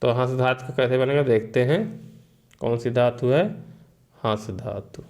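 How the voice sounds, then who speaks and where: A man teaching a Sanskrit grammar lesson, drilling listeners with slow call-and-repeat recitation. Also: mid-range voice, steady tone, a little mellow.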